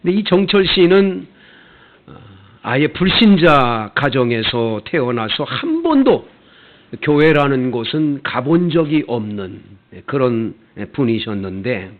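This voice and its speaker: A man's voice: mid-range voice, sing-song, slow. A middle-aged man, a pastor, tells a story in his Sunday sermon and acts out the quoted lines. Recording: tinny phone-like sound.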